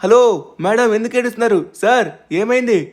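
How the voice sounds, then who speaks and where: Excitable young man narrating gameplay, fast. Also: very high-pitched. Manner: excitable, exclaiming, reacting aloud. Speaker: gaming channel host. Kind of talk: narrating a game story with character voices.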